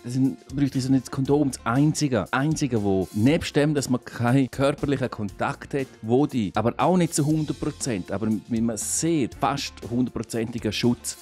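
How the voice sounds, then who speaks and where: A man's voice: medium pitch, darkish tone. A man with a Swiss German accent, hosting a reaction video and commenting in an outspoken, lecturing way.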